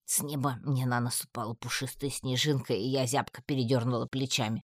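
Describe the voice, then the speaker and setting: A woman with an unusually low voice narrates a first-person fantasy story. Her reading is lively and expressive. The sound is close and dry, with no room around it. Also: a little fast, no room sound. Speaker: audiobook narrator.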